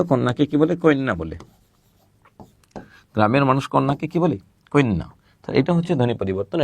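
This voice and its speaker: A man teaching a recorded grammar lesson, patiently repeating words slowly and asking questions he then answers himself. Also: mid-range voice, vocal fry, a little mellow, no echo.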